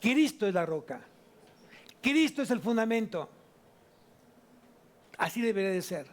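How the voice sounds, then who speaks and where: A male pastor with a Mexican Spanish accent delivers a sermon in a noticeably high voice. He keeps putting rhetorical questions to his listeners and slows right down to stretch out the words he wants to land. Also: very animated. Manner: asks the congregation many rhetorical questions, stretches key words slowly. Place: church service.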